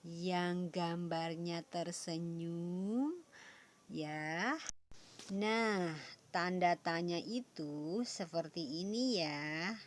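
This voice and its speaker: Very slow-paced woman teacher. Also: on the low side, slight background noise. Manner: patient, addresses the children with tag questions. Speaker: primary school teacher. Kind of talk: recorded lesson for young children.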